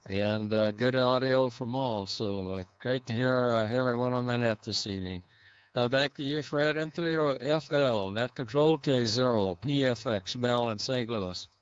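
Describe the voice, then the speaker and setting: Guy checking in on a ham net over the radio, smooth voice, muffled lo-fi sound, dry, lots of uhs. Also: medium pitch, no echo. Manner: relaxed, halting with frequent uh fillers. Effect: heard over a ham radio transmission. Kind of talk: on-air radio check-in report. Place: home radio station. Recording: dull, lo-fi radio audio.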